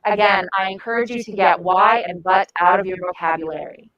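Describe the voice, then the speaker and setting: A woman's voice: mid-range voice, a little fast, muffled recording. A woman giving a volunteer training talk, blunt and profane, acting out example phrases.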